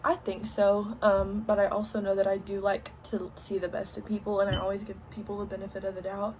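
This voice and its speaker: A young woman with a Southern country accent answering questions in a relaxed home Q&A, filling pauses with lots of ums and likes. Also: medium pitch, a little hiss or hum. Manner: chatty, many ums and likes. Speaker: vlogger. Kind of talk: casual Q&A while doing makeup. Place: home, indoors.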